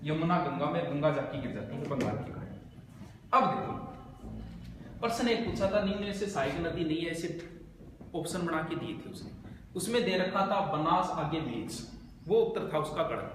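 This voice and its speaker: Brisk male exam coach with a high voice, recorded in an echoey hall with long reverb. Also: animated. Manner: brisk, explanatory, repeats key points. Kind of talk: quick spoken geography lesson with memory tricks. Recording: very echoey, noisy room.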